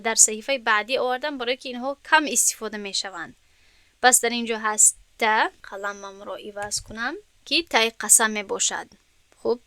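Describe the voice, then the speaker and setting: Clear bright woman teaching grammar. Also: fairly high pitch, no room sound. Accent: Tajik-influenced Persian. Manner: explains step by step, asks students if they understood. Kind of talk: classroom lesson explanation.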